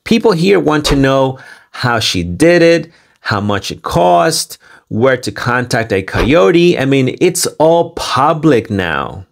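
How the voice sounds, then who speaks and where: A man hosting a video commentary, speaking in deliberate, emphatic phrases with pauses. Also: mid-range voice, gravelly. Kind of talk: scripted commentary with loose running translation.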